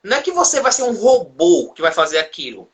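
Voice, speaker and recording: A middle-aged man, a history teacher telling stories in a relaxed chat over beer. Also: brisk. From Brazil. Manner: relaxed storytelling, lively pitch. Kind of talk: casual conversation over beer.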